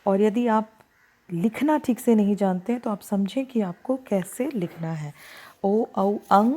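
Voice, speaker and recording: A woman teaching children how to write vowels, speaking slowly and deliberately, drawing out each sound and checking that they follow. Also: medium pitch, dark tone. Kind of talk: slow, patient handwriting lesson for children.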